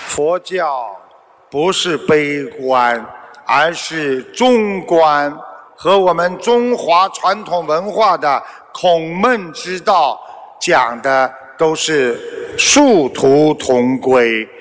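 Male Buddhist teacher, measured sermon delivery, slightly high voice. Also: fairly bright tone, in a large hall. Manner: slow, measured, preaching. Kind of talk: sermon with a told parable.

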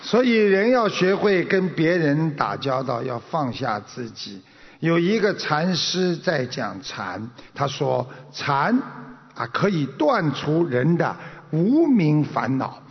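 A man preaches to a hall audience in a somewhat high, lively voice with a gravelly edge, spinning stories and acting out the characters. The sound is dull and lo-fi, with a long reverb from the hall. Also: slow. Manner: storytelling, acts out quotes, chuckles. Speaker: Buddhist master. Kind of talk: sermon. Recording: dull recording in an echoey hall.

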